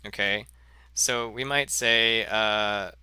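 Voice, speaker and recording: A man teaching a math lesson in a slow, halting way, full of fillers and self-corrections. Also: lowish voice, steady tone, pushed and bright, clear, resonant tone, no echo. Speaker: math instructor. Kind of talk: recorded lecture.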